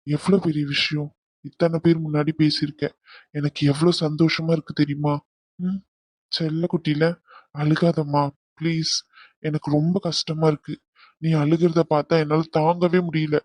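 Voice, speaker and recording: A man voicing a soft, coaxing young groom. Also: on the high side, level tone, normal speed, long pauses, no room sound, natural voice. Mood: soothing. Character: young groom, gentle and doting. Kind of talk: cartoon voice acting.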